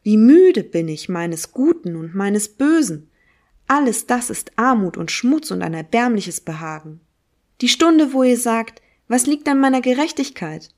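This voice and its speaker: A woman's voice: on the high side, very animated, unhurried, darkish tone. A woman reading the words of a fervent male prophet who preaches to a crowd, declaiming them emphatically and solemnly. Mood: solemn preaching. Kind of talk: dramatic reading of a philosophical text.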